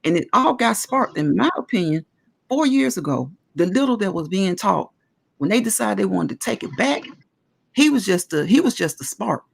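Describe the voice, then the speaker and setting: A woman's voice: mid-range voice, sing-song, moderate pace, creaky, slightly rough. A woman in her forties talking at length in a casual discussion, earnest and emphatic as she explains her views. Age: 40s.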